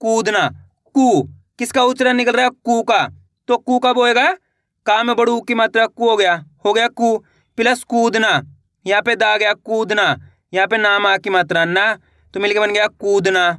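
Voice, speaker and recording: A man's voice: high voice, fairly even intonation, moderate pace, pushed and bright, no echo, clean studio sound. A man teaching beginners to write, saying each word twice, asking the viewer to repeat it and drawing out every syllable. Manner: draws out sounds syllable by syllable; addresses viewers as friends. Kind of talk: spoken writing lesson for beginners.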